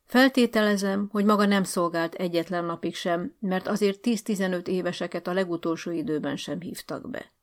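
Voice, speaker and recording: A dry-witted older male village teacher , as a woman reader puts him on who needles authority with calm irony. A gravelly rasp runs through the voice. Audiobook storytelling. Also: lowish voice, few pauses, lightly acted. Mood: ironic. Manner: dry, ironic.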